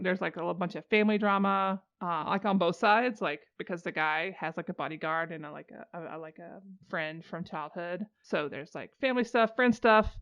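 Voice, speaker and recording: A woman hosting a casual book podcast, talking animatedly and firing off incredulous questions. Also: lowish voice. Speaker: podcast host. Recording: slightly dull lo-fi audio.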